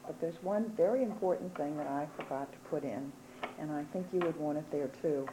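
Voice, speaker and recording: A woman's voice: low voice, fairly quick, noisy background. A woman interviewing a relative, fondly recalling a family event as she sets up her question. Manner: fond, reminiscing storytelling. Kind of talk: casual chat.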